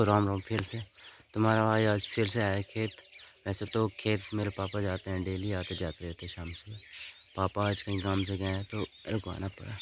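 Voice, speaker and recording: A man's voice: on the low side, noisy background. Casual young man vlogging from a farm. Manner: informal, repeats "thik hai" and "bhai". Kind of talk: casual advice vlog. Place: farm field outdoors.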